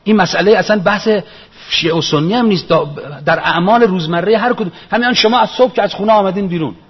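A man's voice: sits high, slightly rough. A man giving a religious lecture in an earnest, reasoning manner, repeating his key phrases for emphasis. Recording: echoey hall, dull lo-fi sound.

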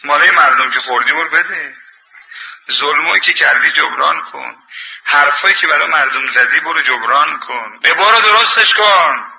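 A man's voice: fairly high pitch, gravelly, highs cut off. A man preaching a sermon in an impassioned, colloquial scolding manner, telling anecdotes.

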